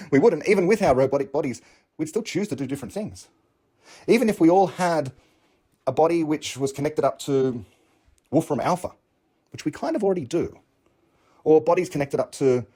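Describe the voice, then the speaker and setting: Speaking in a slightly high, somewhat mellow voice with a breathy edge, a man with an English accent delivers an unscripted, reflective monologue on learning and understanding. He argues as he thinks aloud, frequently asking rhetorical questions.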